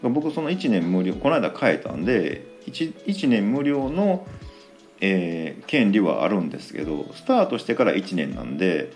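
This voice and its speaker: A man's voice: low voice, very animated, normal speed, darkish tone, faint music behind. A man with a Kansai accent hosting a casual solo talk show, chatting in a rambling way with many fillers. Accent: Kansai Japanese. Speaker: podcast host.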